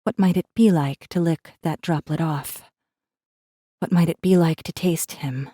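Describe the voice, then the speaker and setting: An audiobook narrator with a low, mellow voice speaks a little slowly in clean studio audio with no echo. She plays a defiant, bitter captive rebel assassin, narrating her own story in the first person with intense, brooding drama.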